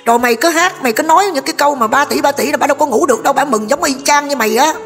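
Fast, high-pitched scolding Southern Vietnamese woman. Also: a bit bright, soft background music. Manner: scolding, addresses viewers directly. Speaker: vlogger. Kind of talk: gossip commentary.

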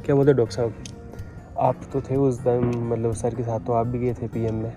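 A man's voice: medium pitch, flat delivery, brisk, music in the background. A man in his twenties talking casually to viewers while filming himself outdoors on a hillside. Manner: chatty, addresses viewers as bhai. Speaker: vlogger. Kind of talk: casual travel vlog. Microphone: phone camera at arm's length.

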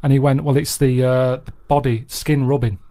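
A man telling a rambling story in a deadpan, casual chat. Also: mid-range voice, normal speed. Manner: deadpan, rambling anecdote with repeated "I said". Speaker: podcast regular telling a story.

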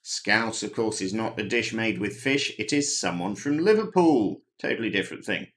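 A man runs through the answers to a pub quiz, his pitch moving a lot as he lists names. He slips in dry, wry remarks between the answers. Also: lively intonation, normal speed, a bit bright, a little hiss or hum. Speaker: quiz host. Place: home, recorded alone.

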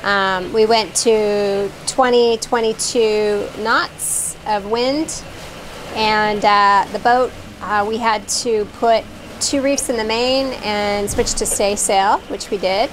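A woman's voice: mid-range voice, fairly even intonation, takes it slowly, slight background noise. A woman hosting a sailing vlog, chatting upbeat and casual while out on a catamaran. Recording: with music underneath.

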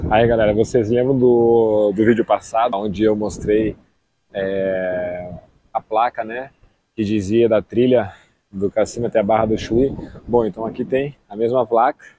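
A thirtysomething man with a southern Brazilian accent chats to the camera in slangy, informal vlog style while outdoors on an open beach and dunes. His medium-pitched voice is warm. The travel vlogger holds an action camera at arm's length, and the low-quality recording has slight background noise.

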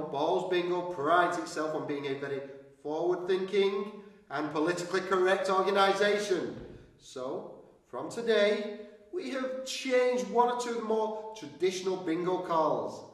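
A man playing a brash, weary bingo caller in a comic stage act, calling out numbers with drawn-out patter and pauses. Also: fairly high pitch, close to an everyday voice. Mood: announcing. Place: small stage with curtains, indoors. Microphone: handheld microphone, recorded from a distant camera. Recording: very echoey hall, distant, faint noise.

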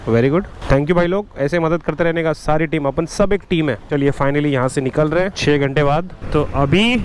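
A young man with a Mumbai Hindi accent and a slightly high voice at normal speed hosts a motovlog, chatting playfully as he rides his motorcycle through rainy city traffic. A helmet or bike-mounted action camera captures his casual talk, along with loud road and wind noise.

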